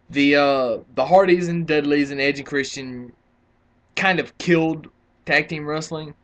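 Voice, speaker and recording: A man's voice: a little high, a bit bright. A man in his twenties ranting casually to camera as a wrestling vlogger, argumentative and rambling with frequent restarts. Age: 20s.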